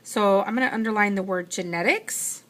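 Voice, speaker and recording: A woman's voice: medium pitch, normal speed, fairly bright tone. A woman teacher giving a patient, explanatory science lesson, talking through what she writes as she goes. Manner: patient, explanatory, thinks aloud while writing. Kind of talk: classroom lecture.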